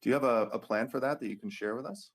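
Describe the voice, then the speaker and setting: A man hosting a live audio call, relaxed and upbeat, talking with easy fillers. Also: medium pitch, fast, slightly rough. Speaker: community host. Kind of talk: casual live audio chat. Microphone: computer or phone on a live audio call.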